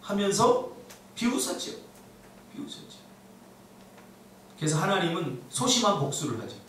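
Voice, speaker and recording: A man preaching a sermon as a pastor, animated, acting out the voices he quotes. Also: high voice, normal speed, a little hiss or hum. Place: church sanctuary. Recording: echoey church hall, mic at a distance.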